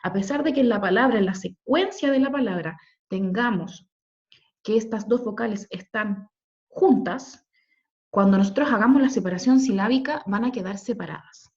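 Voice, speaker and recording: A woman's voice: mid-range voice, moderate pace, a little mellow. A woman teacher giving a recorded grammar lesson over slides, patiently spelling out letters and syllables and checking in with her students. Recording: dull lo-fi home recording.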